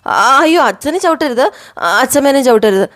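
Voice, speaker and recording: A woman narrator does a naive young wife who startles easily and answers in a flustered rush. The voice is bright and high. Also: animated, brisk.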